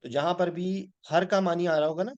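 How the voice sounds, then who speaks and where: A man's voice: high-pitched, steady tone, normal speed, a little mellow, highs cut off. A man teaching a weekly Quran class, patiently explaining grammar and often checking "ठीक है?" as he mixes in English words.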